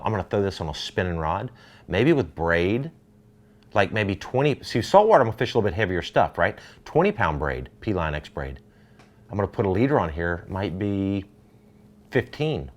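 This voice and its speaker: A middle-aged man, hosting a fishing gear demo in an energetic, salesy way. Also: sits low, a little fast. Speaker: fishing show host. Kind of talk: product demo talk.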